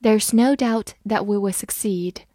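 A young woman teaching English vocabulary in a scripted lesson, spelling words out and reading model sentences slowly and clearly. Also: mid-range voice, warm tone, no echo, studio quality.

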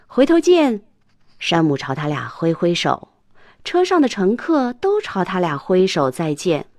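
Animated woman reading a children's story. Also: lowish voice, measured pace, no echo. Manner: expressive, animated.

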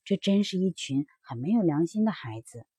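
Woman storyteller, bedtime story, lively melodic delivery, slightly husky, dry close sound. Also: fairly low pitch, normal speed, no echo. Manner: gentle, expressive storytelling.

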